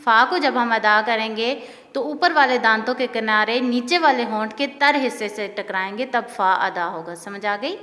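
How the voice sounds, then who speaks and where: A woman teaching Quran reading in a slow, recited lesson. She drills each letter, draws out her words and keeps checking whether her listeners understand. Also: fairly high pitch, sharp tone, in a large hall.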